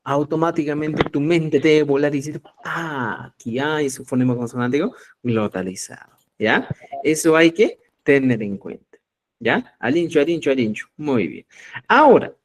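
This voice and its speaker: Peruvian man, online language teacher, patient demonstrator, very animated intonation. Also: on the high side. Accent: Peruvian Spanish. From Cusco, Peru. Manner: explanatory, checks in with listeners; demonstrates sounds slowly. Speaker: Quechua teacher. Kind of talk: live online language class.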